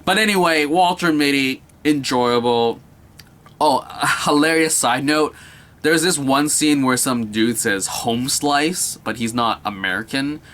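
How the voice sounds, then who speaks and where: A young man at a middling pitch chats through a movie review in a loose, excited way. He rambles, circles back to repeat his praise, and leans hard on filler words as he goes. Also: a little slow. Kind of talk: casual video movie review.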